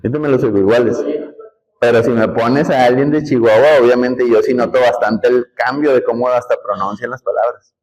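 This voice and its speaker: A man with a northern Mexican accent teaching a class in a classroom. He talks in a relaxed, conversational way, explains step by step and often checks in with the students. His voice sits at an ordinary middle pitch. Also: a little fast, dull audio. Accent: northern Mexican, Nuevo León. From Nuevo León, Mexico. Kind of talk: classroom lecture.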